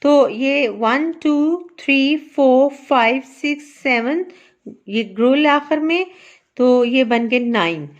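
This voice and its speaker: A woman teacher with a Pakistani accent, explaining a lesson slowly and counting out syllables with care. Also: high voice. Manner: slow, careful, spells out syllables and counts aloud. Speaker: English teacher. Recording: dull lo-fi sound.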